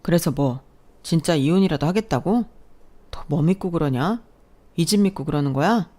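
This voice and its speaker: A woman's voice: sits low, lively intonation, normal speed, mellow. A woman voicing an arrogant, hot-tempered husband who sneers and threatens in a story reading. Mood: sneering.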